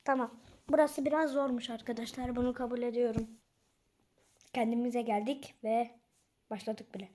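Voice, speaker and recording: Excitable high-voiced young gamer girl. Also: normal speed, long pauses. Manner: chatty, excitable, outbursts of frustration. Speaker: gaming channel host. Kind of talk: casual game commentary.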